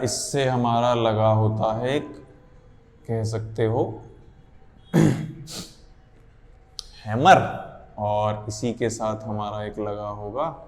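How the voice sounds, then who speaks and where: A man teaching physics, patiently explaining and calling students "beta". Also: fairly high pitch. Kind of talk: classroom lecture. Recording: echoey room with long reverb.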